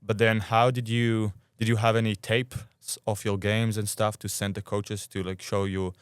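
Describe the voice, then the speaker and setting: A man's voice: fairly low pitch, level tone, moderate pace, clean tone, dry recording. A young man in his twenties hosting a college sports podcast, reading a scripted intro and then asking questions conversationally. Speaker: podcast host.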